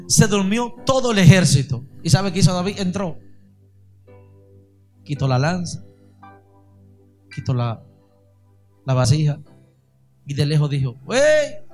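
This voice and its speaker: A man's voice: fairly high pitch, darkish tone. A man preaching a sermon to a congregation, reading scripture and asking the listeners emphatic rhetorical questions.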